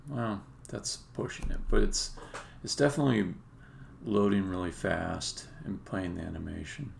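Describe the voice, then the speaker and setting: In casual live-coding commentary, a game developer thinks aloud hesitantly as he streams his work, his low-pitched, gravelly voice carrying lively intonation at a moderate pace. Faint noise accompanies keyboard typing and mouse clicks in the background.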